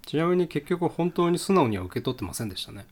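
Animated Kansai man in his thirties. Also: fairly high pitch, slight background noise. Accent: Kansai Japanese. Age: 30s. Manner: animated, quick to laugh, jokey. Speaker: podcast co-host. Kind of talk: casual chat.

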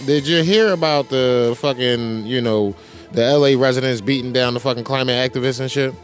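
A man's voice: mid-range voice, a little fast, soft background music. An American man hosting a talk show, speaking in casual, emphatic, slangy and profane monologue.

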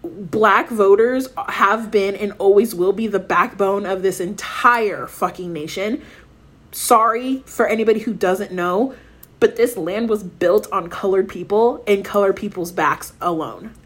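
A woman's voice: mid-range voice, a little slow. An American woman co-hosting a podcast, talking casually but with impassioned, emphatic conviction and frequent swearing. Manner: emphatic, profane, speaks in repeated rallying phrases. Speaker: podcast co-host.

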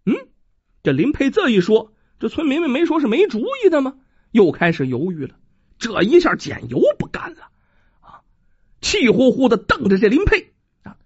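A lively storyteller whose voice swings up and down through a traditional folk tale, full of chatty asides. The voice is a little husky, and the recording sounds dull and dry. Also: medium pitch, normal speed, no room sound.

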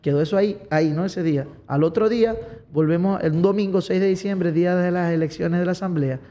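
High-voiced Venezuelan man, animated storyteller. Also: a little fast. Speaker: singer-songwriter guest. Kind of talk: casual interview chat. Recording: dull lo-fi recording.

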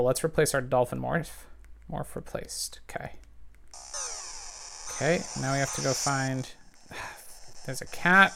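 A gravelly, medium-pitched male voice comes through a low-quality recording with slight background noise. The speaker, a let's play gamer, excitedly narrates his game, calling out every move and the health numbers.

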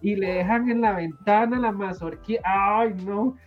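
A man's voice: high-pitched, measured pace. Costa Rican man, casual chat, sentimental and gushing, filler-heavy, slightly dull audio, faint music behind.

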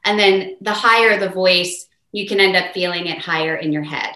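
This interview guest is a voice teacher, a woman with a mezzo voice explaining technique at a normal speed. She is animated and demonstrative, shifting pitch to demonstrate, though the audio is poor and the room echoey.

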